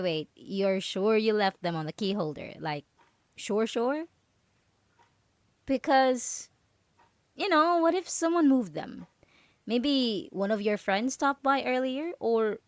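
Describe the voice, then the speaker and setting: This ASMR roleplay audio drama features a woman as a possessive yandere roommate, speaking in a voice on the high side with no room sound. Her coaxing comes out halting, laced with false sweetness and nervous, put-on innocence.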